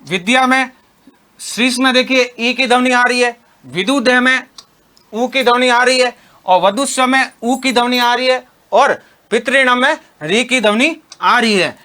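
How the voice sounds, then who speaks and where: A man's voice: very high-pitched, measured pace, bright, forceful tone. A young male teacher giving an exam-prep lesson on Sanskrit grammar. He keeps asking the students questions and then answers them himself. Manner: calls the listeners students and friends.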